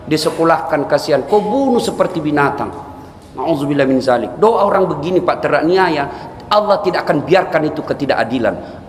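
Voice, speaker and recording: Animated high-voiced male preacher. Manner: animated storytelling, addresses the crowd as Pak. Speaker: Islamic preacher. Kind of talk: sermon. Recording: echoey hall, faint ambience.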